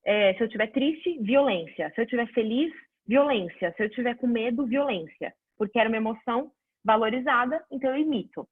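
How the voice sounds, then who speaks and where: Woman teacher, fairly high, breathy voice, dry phone-quality sound, chatty and explanatory. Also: a little fast, dry recording. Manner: conversational, answers viewer questions, lively examples. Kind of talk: casual online class.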